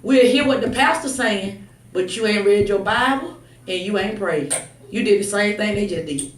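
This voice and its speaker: A woman preacher with an expressive, medium-pitched voice speaks at normal speed, delivering a fervent sermon. She exhorts emphatically, swinging between conversational asides, scripture reading, and raised-voice declarations, in an echoey room recorded by a distant mic with faint noise.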